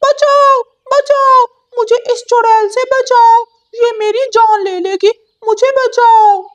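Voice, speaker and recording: A woman voicing a young male parrot in a cartoon, a loud tattletale who whines and stammers when scared. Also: very high voice, fairly even intonation, measured pace, voice pushed up. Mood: wailing.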